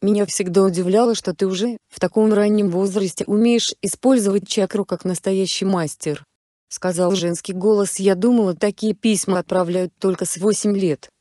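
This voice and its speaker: A woman's voice: mid-range voice, steady tone, moderate pace, mellow, no room sound, clean studio sound. A woman reading a fan fiction story aloud, voicing every character in her own plain voice. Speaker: narrator.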